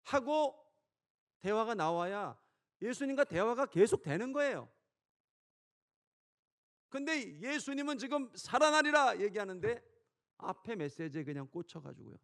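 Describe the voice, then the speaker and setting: Male pastor, high voice with gravel, sermon delivery that swings loud to soft. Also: big pitch swings, unhurried, long pauses. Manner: swings between loud preaching and soft storytelling.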